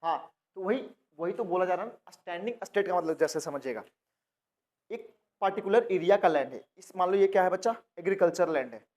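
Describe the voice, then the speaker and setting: A man from India teaches a biology lesson in a high voice. He keeps putting questions to the class and then answers them himself. He repeats the key terms again and again. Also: animated, fairly quick, darkish tone. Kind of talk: classroom lecture.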